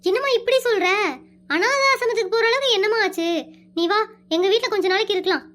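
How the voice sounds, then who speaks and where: A performer voicing a chatty, caring village woman in an animated comedy who exclaims and keeps calling the other woman "akka". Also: very high voice, fast. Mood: concerned.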